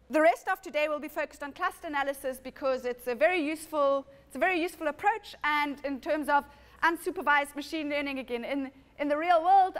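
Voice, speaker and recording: A woman's voice: high voice, fairly bright tone. A woman lecturing at a conference, explaining steadily and often correcting herself mid-sentence. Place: lecture room with audience.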